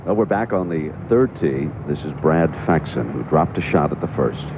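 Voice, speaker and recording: Male golf commentator and anchor, very low register, thin noisy TV audio. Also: expressive, moderate pace. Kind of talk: live golf commentary, announcer narration. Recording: noisy lo-fi TV broadcast, outdoor ambience.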